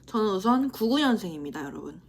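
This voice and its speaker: A woman in her twenties, a university student, chatting casually to the camera in a vlog, self-teasing and quick to laugh. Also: mid-range voice, sing-song, husky. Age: 20s.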